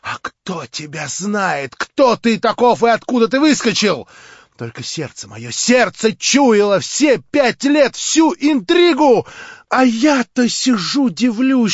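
A man's voice: no room sound, heavily acted. A man voicing a half-mad lame woman who mocks and shrieks, in a dull, dry recording. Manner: shrill, scornful, laughing outbursts.

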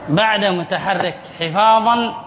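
A man's voice: high voice, measured pace, a little hiss or hum. A sheikh teaching Arabic spelling rules in a classroom lesson, reading from a text and explaining it, repeating key words and quizzing his students. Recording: echoey hall, dull lo-fi sound.

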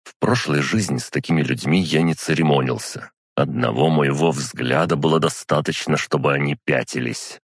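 Man, audiobook narrator, very deep voice, husky, close dry sound. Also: moderate pace, few pauses, no echo. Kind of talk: first-person audiobook narration.

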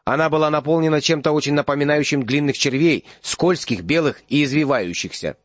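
A man's voice: on the high side, fairly quick, no room sound. Man narrating an audiobook, dry dull sound. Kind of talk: scripted narration.

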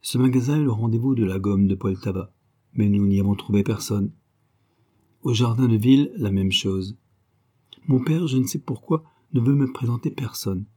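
A man narrating a literary diary as an audiobook reader, in a measured, expressive reading. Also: lowish voice.

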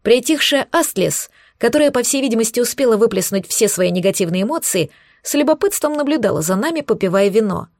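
Женщина читает роман от первого лица. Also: female voice, a little high, lively intonation, fairly quick, hardly any pauses, a little mellow, dry recording, studio quality. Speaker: audiobook narrator. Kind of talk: first-person novel narration.

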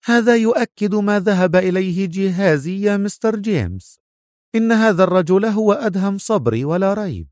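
A man's voice: high voice, animated, moderate pace, darkish tone, dry recording, clean studio sound, pitched above the performer's own voice. A man voicing a smug, gleeful male professor who is proud of his computer, in a thriller audiobook.

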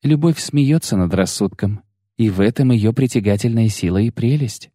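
A man's voice: fairly low pitch, normal speed, warm tone, no echo, studio quality, lightly acted. A man voicing a sly, sensual young sorceress in an audiobook reading, teasing, coaxing and self-assured. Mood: musing.

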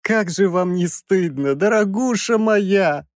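A man's voice: slow, no room sound. Male narrator doing a squealing old mad professor for an audiobook, whiny, fussy, dry close sound. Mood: whining. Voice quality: shrill, squealing. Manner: pleading, fussy, indignant. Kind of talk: audiobook character voice.

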